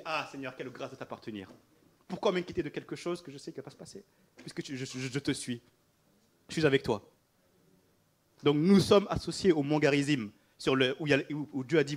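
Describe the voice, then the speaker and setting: A man preaching a sermon in an animated way, repeating phrases and laughing between them. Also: fairly high pitch. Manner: animated, repetitive, often laughing mid-phrase.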